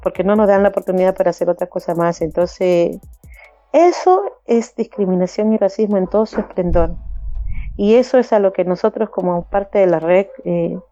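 A woman around fifty speaks with fiery conviction as an interview guest. Her voice is mellow and warm. It is recorded dry and close, with faint music underneath. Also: medium pitch, moderate pace, dry recording, dull audio. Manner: passionate, acts out others' voices with laughter. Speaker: migrant community organizer, guest. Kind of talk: animated interview talk.

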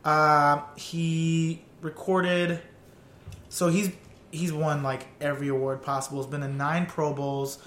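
A man's voice: a little high, flat delivery, a bit bright, roomy sound, slight background noise. Laid-back man reading trivia clues. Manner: laid-back, swears casually, reads clues haltingly with fillers. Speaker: podcast host running a sports trivia quiz. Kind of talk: casual chat.

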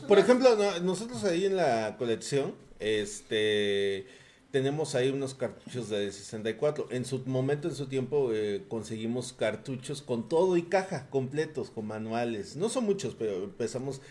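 A man's voice: medium pitch, animated, normal speed, a little mellow. A man co-hosting a casual retro gaming podcast, rambling with many fillers and acting out quoted posts. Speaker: podcast co-host. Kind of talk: casual chat.

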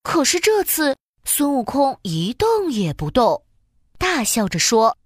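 A woman narrating a children's storybook in an expressive, sing-song storytelling way. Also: high-pitched, slow pace, dry recording, studio quality.

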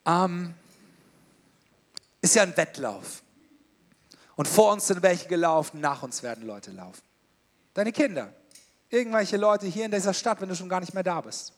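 Male pastor, middle-aged, higher voice; lively, casual preaching that speaks directly to the flock. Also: moderate pace, pauses often. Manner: colloquial, direct address to the congregation. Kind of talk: sermon.

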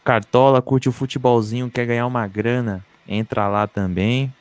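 A man's voice: medium pitch, steady tone, normal speed, no room sound. A Brazilian man co-hosting a live podcast with informal banter, slangy and swearing freely. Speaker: podcast live stream co-host.

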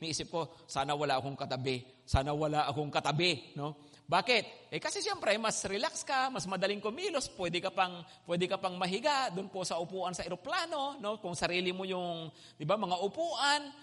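Man, preacher, high voice, polite and chatty, tag questions, long reverb. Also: bright, forceful tone. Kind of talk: conversational sermon. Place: Manila. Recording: hall reverb.

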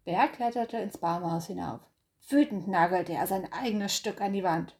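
A woman reading a bedtime story aloud in a slow, gentle storytelling manner. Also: medium pitch. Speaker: reader.

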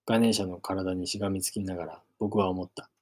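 A man reading a novel aloud as narrator, in measured storytelling. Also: low-pitched, fairly even intonation, darkish tone. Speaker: reader.

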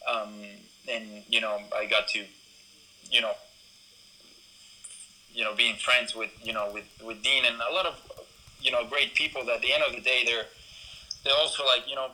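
A man's voice: medium pitch, little pitch movement, moderate pace, pauses often, bright, forceful tone, poor audio. A young man from Ecuador, a BMX racer, talking casually in an interview with lots of fillers and restarts. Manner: rambling, many fillers and restarts.

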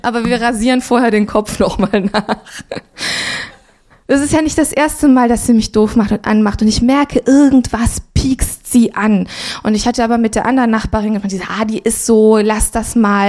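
A woman's voice: fairly high pitch, steady tone, moderate pace, a little mellow. A woman in her thirties preaching in church, telling a personal testimony and acting out the voices she quotes. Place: church stage.

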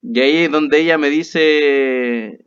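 A man's voice: fairly high pitch, slow pace, smooth. A young man with a Chilean accent, a podcast co-host animatedly telling a personal story and acting out the quotes. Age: young adult. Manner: animated, laughs often, acts out quotes. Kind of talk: casual storytelling. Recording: slightly dull lo-fi audio.

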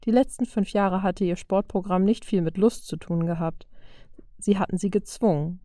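A woman narrates a story aloud in a calm, even manner, her voice low and mellow. The recording is dry and close, with no room sound, as if she sits right at the microphone. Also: no echo. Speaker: reader. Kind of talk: reading fan fiction aloud.

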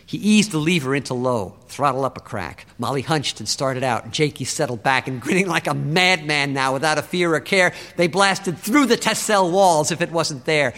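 A man's voice: a little high, moderate pace, hardly any pauses, fairly bright tone. A man reciting a rhyming spoken-word story with a driving, rhythmic delivery. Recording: long reverb.

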